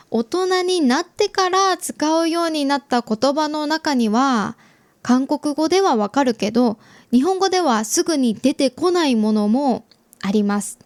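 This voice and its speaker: A young adult Japanese woman hosting an easy-Japanese learning podcast, explaining gently and chatting with listeners. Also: sits high, dry recording, studio quality. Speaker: podcast host teaching Japanese.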